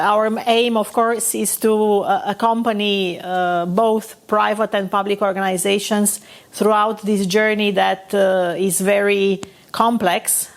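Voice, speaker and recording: A woman from Romania, a company founder, hosting a podcast and speaking in a halting way with many fillers. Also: mid-range voice. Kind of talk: casual podcast conversation.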